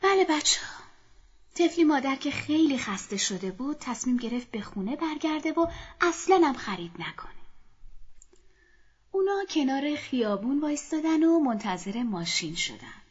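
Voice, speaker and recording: A high-pitched, very animated woman narrates a children's story to kids in a soft, often half-whispered voice. The recording is dull and lo-fi.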